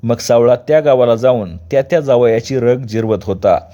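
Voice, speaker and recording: A man reading a story aloud with vivid, expressive narration, on a dull recording. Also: medium pitch, moderate pace.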